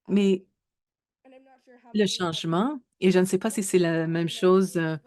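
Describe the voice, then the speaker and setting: A woman in her thirties giving a research presentation in a webinar, speaking in a measured way with frequent hesitations and self-corrections. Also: fairly low pitch, fairly even intonation, a little mellow. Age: 30s.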